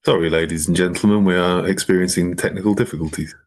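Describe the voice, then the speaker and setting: A man's voice: low voice, fairly even intonation, fast talker. A man, a nurse and panelist in an online webinar, jokingly voicing a male airline pilot making a formal cabin announcement. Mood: mock-formal. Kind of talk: joking impression during online presentation.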